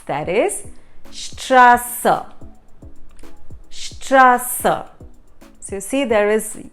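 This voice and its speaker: A woman teaching German pronunciation in a slow, careful way, repeating each word for learners. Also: medium pitch. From India. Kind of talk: pronunciation lesson.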